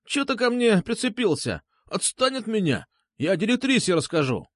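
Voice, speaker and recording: A man's voice: sits high, big pitch swings, moderate pace, fairly bright tone, no echo, clean studio sound, voice pushed up, heavily acted. A man voicing a cowardly, pudgy schoolboy who whines and shrieks. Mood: whining. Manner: whining and shrieking.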